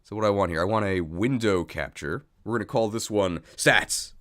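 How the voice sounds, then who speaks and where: Setting up his livestream, this streamer and video host chats away and thinks aloud, cracking self-deprecating jokes. His voice sits on the low side, comes out a little fast and has a slightly bright quality.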